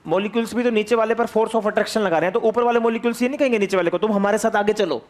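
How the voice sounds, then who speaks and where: High-voiced energetic male physics teacher. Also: very fast. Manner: repetitive, calls on students, asks questions. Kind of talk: energetic classroom lecture. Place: classroom.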